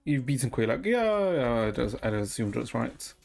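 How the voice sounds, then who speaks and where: A man with a mid-range, creaky, darkish voice and big pitch swings streams a game at a moderate pace. He talks casually with viewers, thinking aloud hesitantly and swearing a little. Music can be heard in the background.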